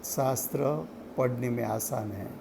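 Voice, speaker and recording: A man giving a slow, deliberate religious study lecture, repeating key points for his listeners. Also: medium pitch, steady tone, creaky, noisy background. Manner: slow, deliberate teaching with repetition. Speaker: scripture teacher.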